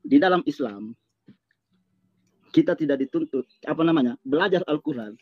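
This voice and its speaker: Stern high-voiced man on dull audio. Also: animated, normal speed, dry recording. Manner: stern, reproachful, repetitive. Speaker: debater. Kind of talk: heated online debate.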